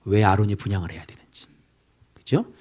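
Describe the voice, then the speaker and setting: A middle-aged male pastor preaching an expository sermon, firing rhetorical questions at the congregation and swinging between loud scolding outbursts and near-whispers. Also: on the low side, animated, a little fast, breathy edge.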